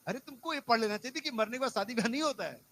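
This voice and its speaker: A male pastor delivering a sermon in a strikingly high, bright and forceful voice. He hammers points home through repetition and rhetorical questions. He drops to low, quiet asides before rising back into loud exhortation. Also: very fast, slight background noise, poor audio.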